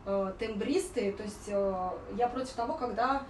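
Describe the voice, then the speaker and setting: With a fairly high voice at a moderate pace, a female vocal coach runs a casual singing lesson, explaining vowel sounds and demonstrating them through sung warm-ups. There's slight background noise, roomy echo from a far-off mic, and music underneath.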